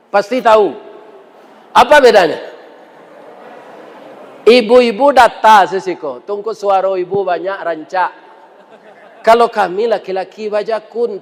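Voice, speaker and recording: A man preaching a humorous sermon, telling stories and teasing the audience with questions. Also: sits high. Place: large mosque hall. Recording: reverberant mosque hall.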